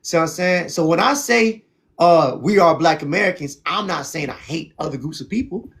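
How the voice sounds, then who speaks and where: A man's voice: fairly high pitch, moderate pace, a bit bright. A man from South Florida, hosting a heated debate on a stream and talking in an emphatic, preachy way. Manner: emphatic and preachy, repeats "see what I'm saying". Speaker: show host.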